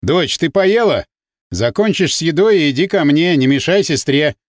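Brief: unhurried middle-aged major dad, lower and slow, as a narrator plays him. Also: male voice, lively intonation, no echo, lightly acted. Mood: calm. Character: middle-aged army major father, calm.

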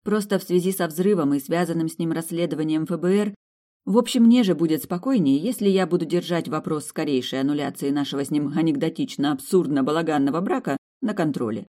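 A woman's voice: deep voice, a little fast, dark tone, natural voice. A narrator voicing a young woman doctor, flustered and eager to please, pleading and apologetic in an audiobook. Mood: relieved, playful.

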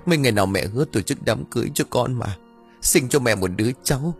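A man's voice: medium pitch, animated, fast, faint music behind, voice pushed up, close to an everyday voice. A man voicing a grieving young village woman who sobs and cries out for her dead mother. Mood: wailing grief. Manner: sobbing, pleading cries.

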